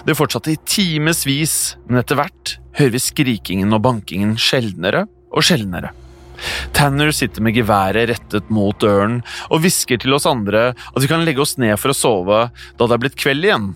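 A man reading a scripted first-person horror story as a podcast narrator, steady and hushed. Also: mid-range voice.

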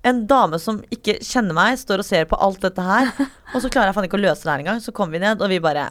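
A woman in her twenties telling a story in casual chat, lively and acting out quotes with sudden shrieks. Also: medium pitch. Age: 20s. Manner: swears casually.

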